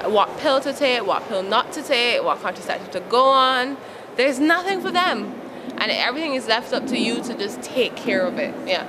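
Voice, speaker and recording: A woman's voice: on the high side, animated, normal speed. A young woman from Barbados with a Barbadian accent, speaking frankly and laughing often as she answers interview questions outdoors. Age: young adult. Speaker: interviewee, youth advocate. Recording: outdoor recording with traffic noise.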